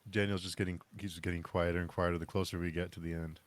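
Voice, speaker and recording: A man with a very deep voice hosts a casual book podcast. He thinks out loud in long, rambling questions and trails off with fillers. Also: flat delivery, fast talker, no room sound. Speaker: podcast host.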